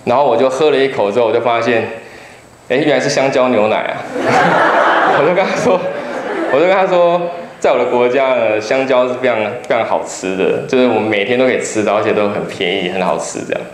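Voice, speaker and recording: In a lecture hall with a roomy sound and faint background noise, a Taiwanese man in his thirties from Kaohsiung gives a joking, story-filled talk with slides. He's a public lecturer and travel writer with a Taiwanese Mandarin accent, speaking at a quick pace in a mid-range voice and bantering with the audience.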